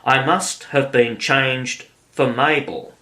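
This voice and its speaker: A man's voice: medium pitch, steady tone, takes it slowly, pushed and bright. A man reading the part of a curious young girl who talks to herself in wonder. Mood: puzzled. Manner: musing aloud to herself.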